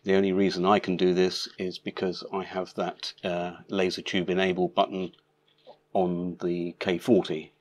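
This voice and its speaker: Deep voiced guy doing a matter-of-fact how-to, machine noise going on behind him. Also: flat delivery, moderate pace. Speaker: tutorial presenter. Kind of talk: step-by-step demonstration narration. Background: laser cutter machine noise.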